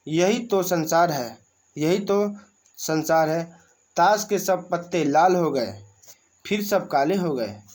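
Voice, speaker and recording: Male teacher, unhurried and slightly high voice, reads a text and explains it plainly. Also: a little mellow. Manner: reads a passage aloud, then explains it in plain words. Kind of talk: reading and explaining a school lesson.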